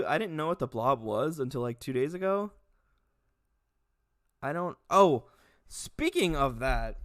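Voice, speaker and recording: A man's voice: mid-range voice, no room sound, studio quality. A young man in a casual comedy vlog, ranting animatedly with lots of swearing and laughter. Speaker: video creator.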